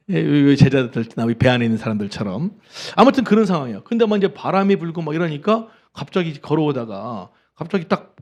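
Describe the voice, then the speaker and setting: Lively male pastor preaching a sermon. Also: on the high side. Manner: lively storytelling, acting out quoted voices, asking the congregation questions. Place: church sanctuary.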